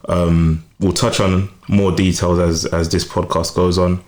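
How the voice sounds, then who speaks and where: Low-voiced host, calm and considered. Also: male voice. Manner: measured, thoughtful questioning. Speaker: podcast host. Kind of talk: casual podcast chat.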